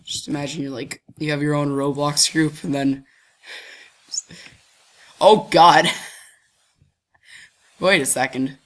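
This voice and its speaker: This young gaming channel host has a cold, leaving his voice stuffy and deeper, though it still sits on the high side with fairly even intonation. He takes his time with long pauses, giggling mischievously and often laughing as he thinks aloud, clicking around a screen-recorded game in casual commentary.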